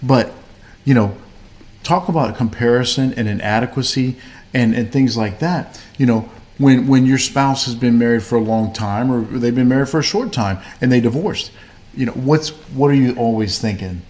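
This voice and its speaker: Man, mid-pitched, casual rambling co-host voice. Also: normal speed, a little mellow. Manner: rambling, many fillers and restarts. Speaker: podcast co-host. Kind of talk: casual faith-based chat.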